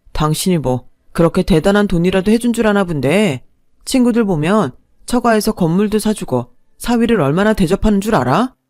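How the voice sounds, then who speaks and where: A woman's voice: lowish voice, darkish tone, no echo, clean studio sound, close to an everyday voice. A woman voicing a selfish young husband who snaps and blames his wife. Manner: irritated, blaming. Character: self-centered young husband, resentful.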